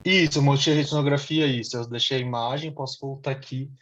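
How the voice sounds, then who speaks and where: A man with a Brazilian Portuguese accent presenting a clinical case over a video call, talking hesitantly with many restarts while his audio comes through a choppy, low-quality online stream. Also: steady tone, fast talker, a bit bright, lo-fi sound. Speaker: case presenter at a medical meeting.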